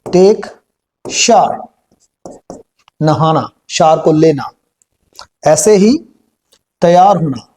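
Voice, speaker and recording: Mellow-voiced male English teacher, Punjabi accent. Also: a little high, lively intonation. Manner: slow, repeats phrases while writing on a board. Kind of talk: step-by-step spoken English lesson.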